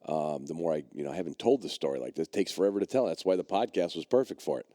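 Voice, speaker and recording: A middle-aged man with a low, mellow voice tells a long personal story on his podcast. He rambles, circling back with plenty of fillers and restarts. The sound is dry and close. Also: rapid-fire, no room sound. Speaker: podcast host and dog trainer.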